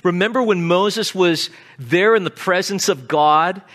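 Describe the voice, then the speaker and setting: A guest pastor preaching a sermon with emphatic, deliberate delivery. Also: male voice, high voice, a bit bright.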